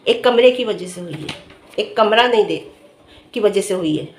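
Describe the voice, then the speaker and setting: A woman's voice: mid-range voice, moderate pace, darkish tone, reverberant, slight background noise. A middle-aged woman vlogger giving direct-to-camera commentary, earnestly lecturing and scolding with rhetorical questions. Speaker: vlogger commenting on another family's dispute.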